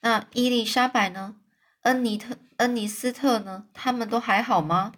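A woman's voice: a little high, normal speed, fairly bright tone, pitched above the performer's own voice. A woman voicing a frail, overwrought young man in a storybook reading, emotional and pleading. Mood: eager.

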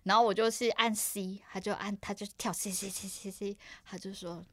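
A woman with a Taiwanese Mandarin accent, a podcast guest telling travel stories in an animated way, often laughing, acting out what people said and dropping in English words. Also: medium pitch, fairly quick, dry recording. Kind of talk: podcast storytelling.

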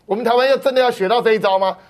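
A woman's voice: a little high, very fast, a little mellow. A woman with a Taiwanese Mandarin accent, a guest on a political talk show, speaking urgently and pleadingly. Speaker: guest doctor.

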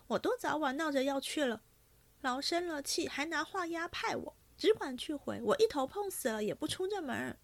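A woman doing a shrill, proud young maid. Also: very animated, moderate pace, no echo, exaggerated voice. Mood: tearful, defiant. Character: fiery young maid, sharp-tongued and proud.

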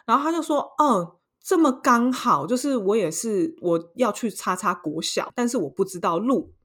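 A young woman with a Taiwanese Mandarin accent, co-hosting a podcast and telling a story in a casual, lively way, acting out voices as she goes. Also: a little high, normal speed, husky. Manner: animated, acts out voices in her story. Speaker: podcast co-host.

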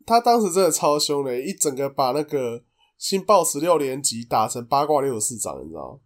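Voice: mid-range voice, very animated, a little fast. A speaker joins a casual podcast chat. The middle voice swings up and down a lot, dropping playful jokes and side comments. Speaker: podcast guest.

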